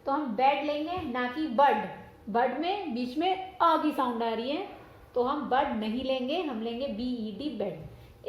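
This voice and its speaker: Woman doing a phonics lesson, spells out each word sound by sound, high voice, kinda echoey room. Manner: spells words letter by letter and sounds each one; mixes Hindi with English words. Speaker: teacher explaining phonics worksheets to parents.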